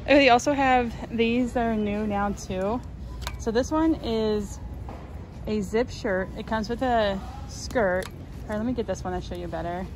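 A woman vlogging as she walks a large store, chattily listing prices and getting excited over new finds. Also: on the high side, unhurried, background noise. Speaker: shopping vlogger. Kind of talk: casual shop-with-me narration. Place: large retail store, indoors.

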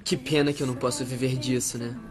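An actor plays a humble young Brazilian man in a soap opera dub. He sounds modest and apologetic, with quiet music behind him. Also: mid-range voice, flat delivery, quick pace, lightly acted. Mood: humble, regretful. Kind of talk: dubbed soap opera acting.

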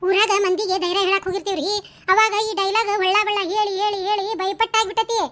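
A woman voicing bickering village women in a cartoon, talking in quick bantering dialect with a North Karnataka Kannada accent. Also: very high voice, level tone, a bit bright. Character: bickering village women, a landlady and her helpers. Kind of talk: cartoon voice acting.

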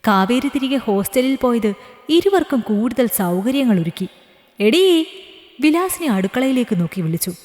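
A woman narrating a scripted story in a steady, measured reading voice. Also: fairly high pitch. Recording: echoey room with long reverb.

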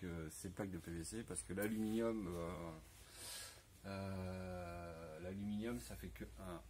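In a big indoor workshop garage, a French-accented man in his forties talks casually about rebuilding a camper van, stumbling and restarting often. His voice is low and darkish, picked up by a lapel mic with slight background noise.

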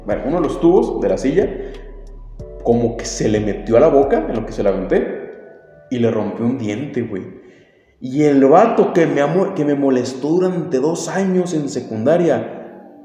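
A laid-back Mexican man spins a casual podcast story, full of slang and swearing. His voice is mellow and warm. It bounces around a very echoey room with a long reverb tail and faint music underneath. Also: mid-range voice, lively intonation, normal speed. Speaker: podcast host.

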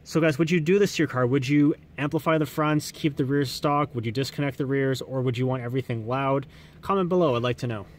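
A man's voice: mid-range voice, fast, slight background noise. A man hosting a car audio channel, explaining his work step by step while he works on a car in a garage. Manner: explanatory, hands-on, addresses viewers directly. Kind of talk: casual how-to explanation.

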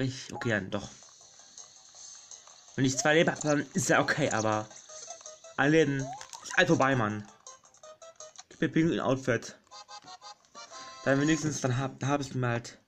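A young man giving casual commentary over a platform game, fretting aloud, pleading, and yelling at enemies. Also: medium pitch, moderate pace, long pauses. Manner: excitable, frets and shouts at enemies. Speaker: gaming YouTuber. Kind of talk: casual let's play commentary. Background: game music.

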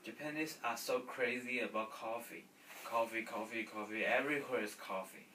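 A young man student talking in a small room, plain and slightly halting. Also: medium pitch, heavy background noise. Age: young adult. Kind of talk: casual vlog talk. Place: small indoor room against a wall. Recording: roomy, distant from the mic.

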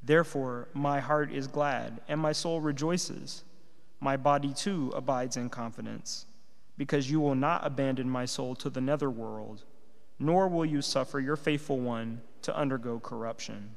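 A man reads scripture as a lector at Mass, solemn and measured, from a church lectern. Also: medium pitch, gravelly. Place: large stone church sanctuary, indoors. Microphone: gooseneck microphone at the lectern. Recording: echoing church, long reverb.

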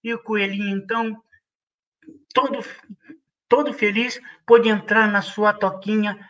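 Man, Brazilian accent, children's storyteller, rhythmic, sing-song, slow, dull lo-fi sound. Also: high voice, fairly even intonation, a bit bright. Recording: muffled live-stream audio, distant mic.

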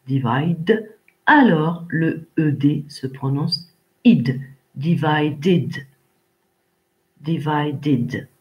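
A woman's voice: low-pitched, lo-fi sound. A woman teaching English pronunciation in an online class, patiently correcting pupils one by one by name.

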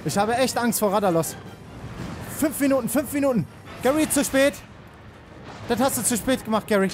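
A young man giving excitable live commentary on a game he is playing, rapidly repeating words and mixing in English slang. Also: very high-pitched. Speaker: let's player. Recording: game music behind.

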